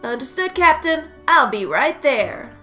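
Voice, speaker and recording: A woman voicing a lazy, gruff male cowboy detective, reading his lines with a low drawl. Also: sing-song, unhurried, sharp tone, faint music behind, heavily acted.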